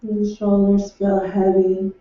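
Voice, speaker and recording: A woman leading a guided meditation, speaking in slow, soothing, unhurried instructions from far off in an echoing room. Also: medium pitch, monotone. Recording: distant, echoey and dull.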